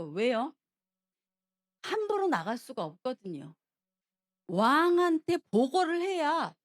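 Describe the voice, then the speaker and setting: A woman preacher giving a sermon, retelling a story with animated storytelling and asking the congregation questions. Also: high-pitched.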